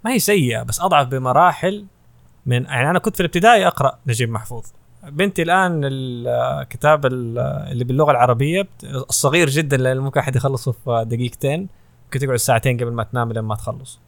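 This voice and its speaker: A man hosts a relaxed studio discussion, talking very fast and filling pauses with quick nods of assent. His voice sits at an everyday middle pitch. The close mic gives a dry sound. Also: no room sound. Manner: relaxed, quick back-channel replies. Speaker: podcast host. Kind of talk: casual discussion.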